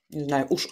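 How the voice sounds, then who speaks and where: Woman chatting mid-mukbang, chewing between phrases. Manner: talks while chewing and smacking, with pauses between bites; colloquial, slangy. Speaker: mukbang host. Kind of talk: casual mukbang chat while eating. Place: small room at home, at a table.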